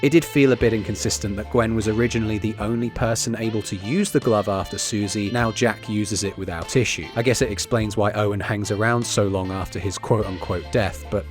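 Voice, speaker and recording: A man's voice: lowish voice, steady tone, fairly quick, hardly any pauses, faint music behind. A man giving an enthusiastic, opinionated, scripted review of a TV series, swearing casually.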